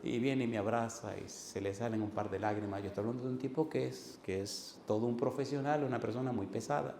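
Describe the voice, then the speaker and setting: A man's voice: mid-range voice, steady tone, brisk, a little mellow, a little hiss or hum. A male pastor preaching a sermon, repeating phrases and firing questions at the congregation. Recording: roomy hall with faint ambience.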